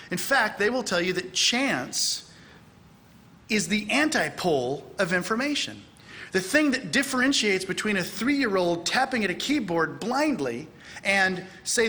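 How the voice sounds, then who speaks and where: A high-pitched middle-aged man, recorded with a little hiss or hum, speaks at a church conference in a large church hall. Lecturing from the pulpit, he grows animated and acts out bits of dialogue loudly.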